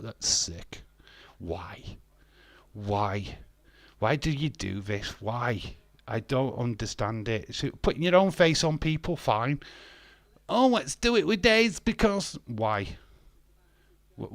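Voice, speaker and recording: A man in his fifties hosts a live stream, reading chat comments aloud and answering bluntly, sarcastically, and with lots of swearing. His voice is mid-range, and the recording is dry.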